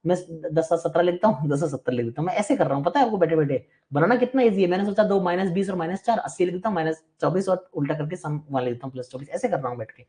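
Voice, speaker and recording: A man's voice: a little high, animated, rapid-fire, few pauses, mellow. A man teaching a live online maths class, chatty and reassuring but firm with students who interrupt.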